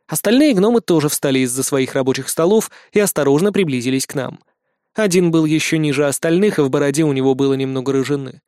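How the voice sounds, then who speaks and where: A man narrating a fantasy audiobook, with lively, ironic asides. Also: on the high side, fast talker, no echo, studio quality.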